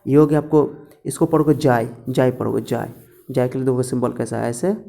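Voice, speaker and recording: A man teaches in a relaxed classroom way, going over each point again and again. His voice is gravelly and dark, and he talks straight to his students as he works through the lesson. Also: medium pitch, brisk. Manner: repetitive, instructive, speaks directly to students. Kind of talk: casual classroom lecture.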